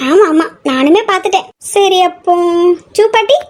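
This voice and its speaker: Brief: woman as a cheeky, chatty teen girl, very high-pitched, playful teasing. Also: lively intonation, normal speed. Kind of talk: audio drama acting.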